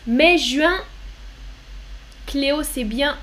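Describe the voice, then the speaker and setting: Slow, encouraging teacher woman. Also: high-pitched, fairly bright tone, slight background noise. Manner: slow, encouraging, switches between French and English. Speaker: French teacher. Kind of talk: live online lesson.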